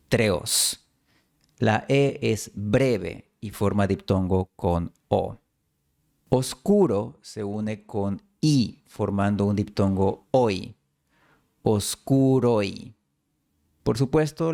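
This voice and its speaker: A man giving a Spanish lesson, explaining pronunciation slowly and carefully and singing some lines softly. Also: on the low side, vocal fry. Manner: slow and careful, breaks down syllables, sings lines softly. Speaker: Spanish teacher.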